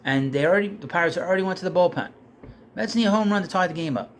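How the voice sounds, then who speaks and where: A sports commentator rants casually about his team, growing heated, rising and getting louder when frustrated until he starts losing his voice. He has a high voice and a quick pace, with a little hiss or hum in the recording.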